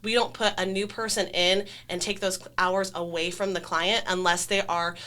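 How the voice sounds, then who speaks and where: A woman's voice: lowish voice, flat delivery, normal speed, pushed and bright, clear, resonant tone. A woman working as a staff trainer explains procedures conversationally in a corporate training video interview, with an enthusiastic, emphatic manner.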